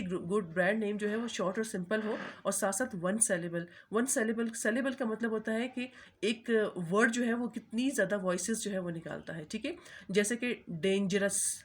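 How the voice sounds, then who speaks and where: A woman lecturer with a husky, breathy voice at an ordinary pitch. She reads English definitions out slowly and then explains each point in a plain classroom manner. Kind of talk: recorded marketing lecture.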